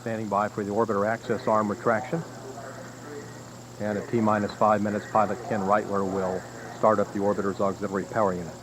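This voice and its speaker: A man giving live countdown commentary as a launch announcer, in a measured, formal way. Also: fairly low pitch, level tone, crowd noise. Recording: noisy archival broadcast audio.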